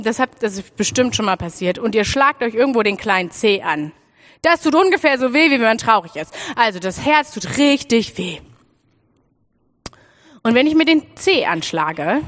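A young woman from Freiburg giving an animated children's sermon and speaking straight to her listeners. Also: a little high. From Freiburg, Germany. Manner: animated storytelling, addresses listeners directly.

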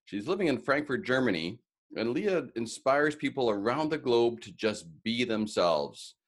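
A man's voice: mid-range voice, sing-song, moderate pace. A man hosting a podcast interview, enthusiastic and chatty with some filler words. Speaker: podcast host. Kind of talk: casual interview.

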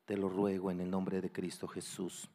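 A man preaching, opening with a soft, slow prayer before telling a story. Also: deep voice, completely flat delivery. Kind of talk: sermon.

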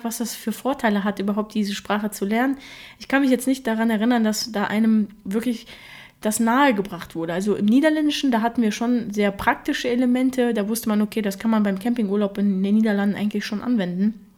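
On her own podcast, a young woman talks casually in a medium-pitched voice with a darker tone. She grew up in Germany, her mother tongue is Russian, and her speech is peppered with fillers.

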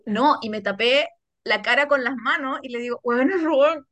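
A Chilean woman telling a story on a casual podcast chat, animated and slangy, laughing often. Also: fairly high pitch, normal speed, dry recording. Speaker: podcast co-host.

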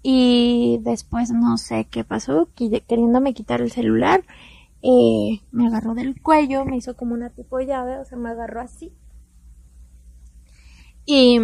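A woman's voice: a little high, fairly even intonation, takes it slowly, gravelly, long pauses, dry recording. Mexican woman telling a confessional story. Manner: candid, confessional, slangy, soft-spoken at times. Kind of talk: personal storytime to camera.

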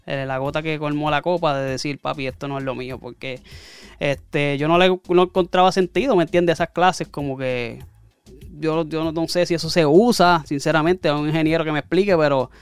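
A man in his thirties tells his story in casual, rambling chat and keeps restarting his sentences. His voice is smooth and slightly high, recorded close and dry, with faint music underneath. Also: fairly even intonation, moderate pace, dry recording. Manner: rambling, self-correcting storyteller. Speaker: guest.

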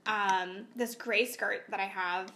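Bright-voiced upbeat woman co-host. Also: mid-range voice, steady tone, slow pace. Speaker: podcast co-host. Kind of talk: casual chat over lunch.

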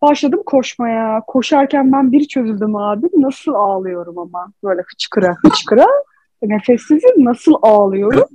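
A woman's voice: on the high side, very animated, measured pace, warm tone, no room sound. A woman in casual confessional chat, telling a personal story candidly and emotionally, on a dull lo-fi recording.

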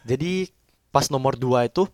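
A man's voice: medium pitch, moderate pace, pushed and bright, no echo, clean studio sound. A young man telling a horror story in casual chat, rambling and repeating himself.

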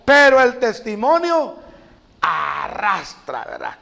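High-voiced preacher man. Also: moderate pace. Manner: animated, acts out quotes, laughs at his own stories. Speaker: preacher guest. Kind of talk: storytelling sermon chat.

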